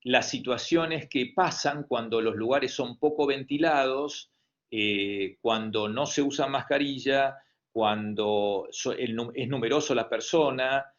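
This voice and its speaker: Here an unhurried man of medium pitch, accent Argentine Spanish, lectures on medicine over the internet. Fillers and restarts make him sound hesitant, and the call audio is dull and lo-fi.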